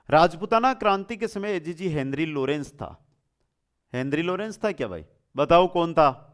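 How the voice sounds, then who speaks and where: A man with a fairly high voice runs an exam lesson in question-and-answer form. He repeats the answers and speaks to students familiarly, using rhetorical questions.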